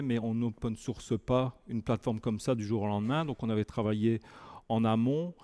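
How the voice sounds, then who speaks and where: A Belgian man with a French accent from near the border by Lille gives a tech talk to a live audience in a meeting room. His voice is mellow and mid-pitched, and as a conference speaker he hesitates a lot, with many fillers, restarts and self-deprecating asides.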